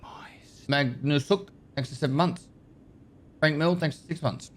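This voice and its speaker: A man's voice: fairly high pitch, measured pace. A man streaming a game, chatting casually and swearing easily as he thanks subscribers, heard through a livestream headset mic. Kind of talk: casual live-stream chat.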